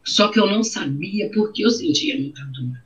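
A middle-aged woman with a Brazilian accent recounts her own experiences in an interview, her fairly low voice expressive and moderately paced. She is emotional and repetitive in her phrasing. The recording sounds muffled and dull.

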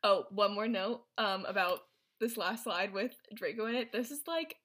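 A woman chatting casually as she retells a film, her talk rambling and full of fillers. She restarts often and keeps going at an everyday pace, in a voice of middling pitch. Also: normal speed, fairly bright tone. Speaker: presenter recapping a film. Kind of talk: casual chat.

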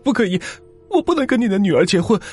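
A frightened young man, as a male storyteller puts him on, pleads in a strained, raised voice. His voice is husky and jumps around in pitch, with faint music behind it. Every line sounds panicky. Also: very animated, rapid-fire, mellow, heavily acted. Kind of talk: storytelling character voice.

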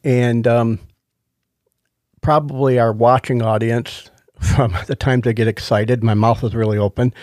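A man's voice: mid-range voice, fairly even intonation, a little slow, a little mellow, no echo, clean studio sound. A middle-aged man with toothless, lisping speech, talking earnestly and casually as a podcast co-host giving a personal testimony. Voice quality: toothless, lisping speech after oral surgery.

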